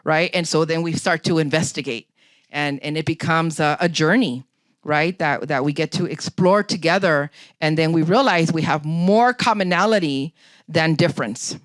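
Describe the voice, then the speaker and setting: Woman, Los Angeles accent, lecture guest answering questions, unhurried, lots of fillers, dry close sound. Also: deep voice, dry recording. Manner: thoughtful, unhurried, many fillers. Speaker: guest speaker, chef and anthropologist. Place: lecture hall.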